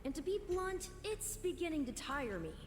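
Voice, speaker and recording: An arch, childlike otherworldly being from a video game. The voice is fairly high and swoops expressively, condescending yet playful. It rings in long reverb over noisy ambience. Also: female voice, big pitch swings, moderate pace. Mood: blunt, imperious. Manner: formal, arch, teasing.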